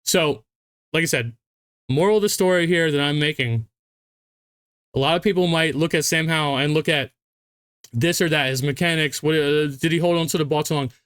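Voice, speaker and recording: A man's voice: on the high side, normal speed, long pauses, fairly bright tone, smooth, no echo, studio quality. A drunk man on a heated, profane sports rant as a fan, hammering points home by repeating his phrases. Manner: emphatic, repeats phrases for stress.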